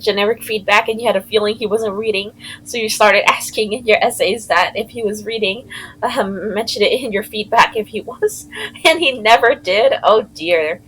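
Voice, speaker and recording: A woman's voice: medium pitch, a bit bright, poor audio. A woman giving casual let's-play commentary on a game. She is chatty, laughs often and reacts aloud as she plays. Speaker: gaming video host.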